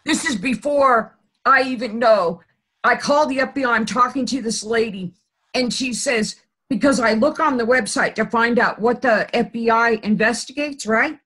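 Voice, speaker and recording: A woman recounts a story in casual conversation, animated and repeating phrases to drive her point home. Her voice sits a little high for a woman. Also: moderate pace, breathy edge. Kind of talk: casual chat, telling a story.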